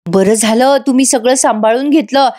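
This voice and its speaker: A woman's voice: a little high, normal speed, a little mellow, lightly acted. A woman voicing a nervous young wife who is hiding her cooking, in a retold serial scene. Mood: anxious.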